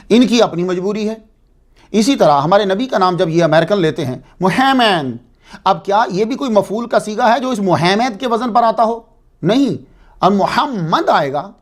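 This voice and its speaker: A man giving a religious lecture to a congregation, explaining patiently and asking and answering his own questions. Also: sits high. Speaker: religious speaker.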